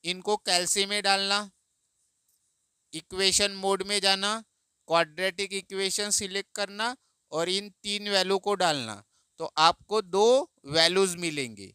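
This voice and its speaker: A man teaching math in Hindi, explaining slowly and patiently, asking and answering his own questions. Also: high voice, bright, forceful tone, clean tone, no room sound, studio quality.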